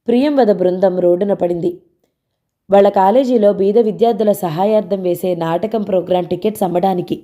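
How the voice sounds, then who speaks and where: A woman narrating a novel aloud and voicing the characters' dialogue. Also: dark tone. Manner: changes pitch slightly for characters' quoted lines.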